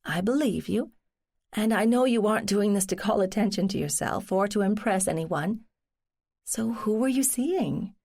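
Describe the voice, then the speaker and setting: A woman, a cozy mystery narrator, voicing a supportive woman companion who asks questions with gentle concern. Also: medium pitch, lively intonation, normal speed, creaky. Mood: questioning.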